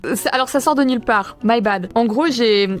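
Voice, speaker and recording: A woman's voice: fairly high pitch, normal speed. A young woman student chatting casually in a vlog, self-mocking and swearing often, recorded in her bedroom. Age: young adult. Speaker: student vlogger. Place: bedroom at home.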